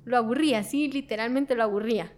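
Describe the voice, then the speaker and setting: A woman telling her faith story in a casual conversation, animated, acting out her own prayers and laughing often. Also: a little high, fast.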